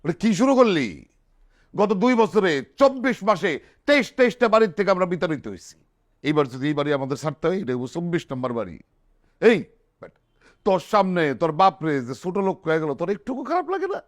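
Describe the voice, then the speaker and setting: A man's voice: sits high, animated, fast. A man playing an exasperated, scolding father. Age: middle-aged. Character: exasperated middle-aged father, fed up.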